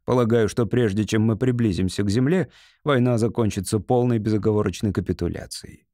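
A man reading an audiobook, voicing a calculating male human officer who speaks in a measured, thoughtful way. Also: on the low side, mellow, dry recording, studio quality, lightly acted. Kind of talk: audiobook character voice.

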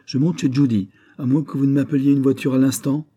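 Cool snooty young society girl, man reading her, dark mellow tone, slightly husky. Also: mid-range voice, expressive, a little fast. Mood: cool disdain. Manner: crisp, disdainful and impatient. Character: proud young society woman, cool and haughty.

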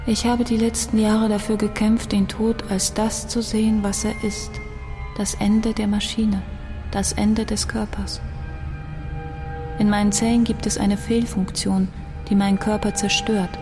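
In a radio drama monologue, an actress plays a young woman musician facing death. Her middle-pitched voice stays close to an everyday one, moving very little in pitch and going a little slowly. She sounds grave, inward, reflective and bitter, with faint music around her.

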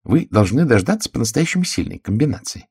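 A bossy, know-it-all sister of middle age who scolds and insists on her theories, as a male audiobook narrator puts her on. The voice is pushed well above his own low register and keeps a gravelly, husky edge. It is a storybook reading in a dry, close room. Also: big pitch swings, fast talker, darkish tone, no room sound, exaggerated voice. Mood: insistent.

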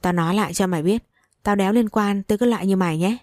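A woman voicing a cruel, spiteful young nurse who hurls insults in a quick, contemptuous stream. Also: medium pitch, a little mellow, no room sound, studio quality, natural voice. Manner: foul-mouthed, contemptuous, fast.

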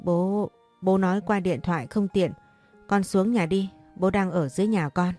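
A woman's voice: fairly low pitch, moderate pace, warm tone, soft background music, close to an everyday voice. A woman reading a stammering, ashamed old father. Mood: pleading, ashamed. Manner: hesitant, stammering, apologetic. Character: ashamed pleading older father, a gambler.

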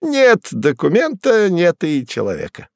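A man voicing a sly, fussy male demon servant who mocks everyone in a high, jaunty patter. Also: wildly swooping pitch, a little slow, gravelly, no room sound, clean studio sound, full character voice. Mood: mocking.

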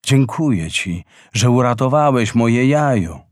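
A man voicing a gentle wise frigate bird. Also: medium pitch, lively intonation, a little slow, no room sound, studio quality, lightly acted. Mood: earnest.

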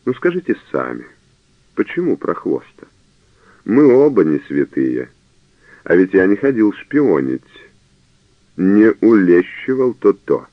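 A man voicing a cornered young male priest who talks with feigned calm and snaps back, on a narrow phone-like radio recording. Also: deep voice, a little slow, long pauses, dry recording, full character voice. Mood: defiant.

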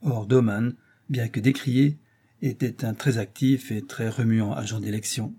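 A man reading a classic novel aloud as an audiobook narrator, in a steady, measured manner. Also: medium pitch, creaky, breathy edge.

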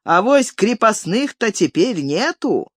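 A reader voicing a defiant young peasant man who shouts angrily in an audiobook story. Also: mid-range voice, very animated, slow pace, slightly rough, no echo, studio quality, pitched above the performer's own voice, heavily acted. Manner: loud, angry.

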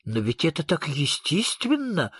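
A calm gentle mother troll, as a man reads her. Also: fairly high pitch, unhurried, breathy edge, no echo, studio quality, full character voice.

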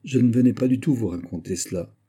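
A man reading aloud voices a musketeer who speaks calmly and deliberately, with quiet mockery. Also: medium pitch, slightly rough, close to an everyday voice. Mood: mocking. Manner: calm, deliberate, mocking. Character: cool mocking male musketeer.

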